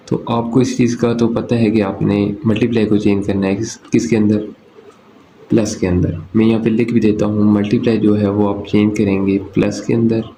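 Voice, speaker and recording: A man's voice: lowish voice, warm tone. A man from Pakistan, teaching a maths lesson step by step, asking and answering his own questions. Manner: asks and answers his own questions, often checks "okay". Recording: roomy echo with faint background noise.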